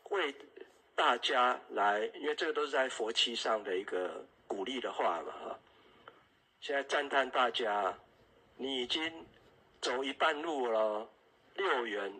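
A man leads an evening Dharma class with a husky, breathy edge to his voice. His tone is bright and forward. He explains Buddhist terms patiently, softening his sentences with drawn-out particles and frequent checks with the class. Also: mid-range voice, low-quality recording.

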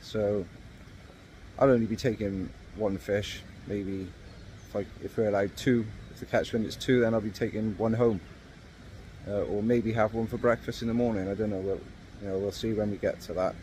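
A man's voice: on the low side, normal speed, slight background noise. A man in his thirties talking casually to a camera held at arm's length outdoors, rambling with lots of ums as he narrates his fishing trip. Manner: relaxed, rambling, frequent ums. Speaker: fishing vlogger. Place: outdoors by a river in woodland. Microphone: phone or action camera held at arm's length.

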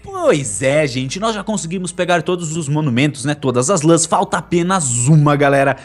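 A man's voice: fairly high pitch, moderate pace, faint music behind. A young man from Brazil co-hosting a gaming video, joking and bantering playfully. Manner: playful, lively, jokey. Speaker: gaming channel co-host. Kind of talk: casual gameplay banter.

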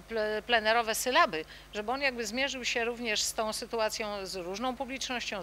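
A middle-aged woman who leads a children's song group answers interview questions in a thoughtful way, pausing often with fillers and restarts. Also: on the high side, pushed and bright, a little hiss or hum.

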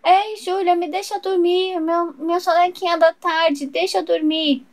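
A woman's voice: very high voice, steady tone, unhurried, faint music behind. A woman voicing a grumpy figure woken from a nap, whiny and complaining.

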